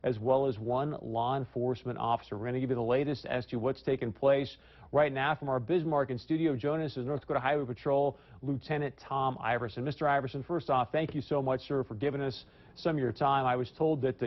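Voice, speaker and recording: A man's voice: medium pitch, fairly even intonation, fast. Male TV host, emphatic, talks straight to the viewer; muffled broadcast audio. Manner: emphatic, pointed, addresses viewers directly. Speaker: TV talk show host. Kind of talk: evening news commentary.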